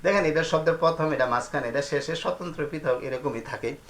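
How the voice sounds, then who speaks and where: A man's voice: a little high, fairly quick, fairly bright tone. A man teaching Quran letters and their pronunciation, patiently repeating each sound and asking his pupils questions. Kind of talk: slow, repetitive step-by-step teaching. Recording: roomy echo.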